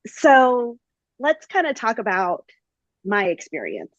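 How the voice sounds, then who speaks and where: A woman's voice: fairly high pitch, huge pitch swings, takes it slowly, no echo, highs cut off. A woman hosting a podcast, telling a story in a casual, chatty way with lots of fillers. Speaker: podcast host.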